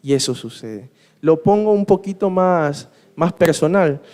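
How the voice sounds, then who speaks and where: A man's voice: a little high, expressive, measured pace, dark tone. A man preaching in a conversational way with rhetorical questions and personal anecdotes, unable to pronounce his R sounds properly. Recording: long hall reverb.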